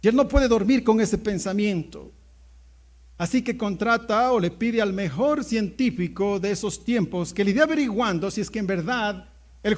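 A man preaching a sermon as pastor, telling a story and swinging between hushed low asides and loud exclamations.

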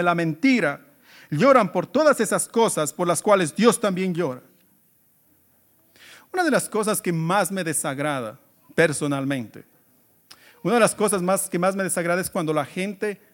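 A male pastor with a rather high voice delivers an emphatic sermon. He asks rhetorical questions and moves between loud exclamations and hushed asides.

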